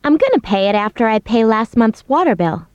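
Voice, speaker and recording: A woman playing a young roommate who explains which bills she will pay, in a scripted language-course dialogue, with clear, expressive delivery. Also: fairly high pitch, a little fast, no room sound, highs cut off.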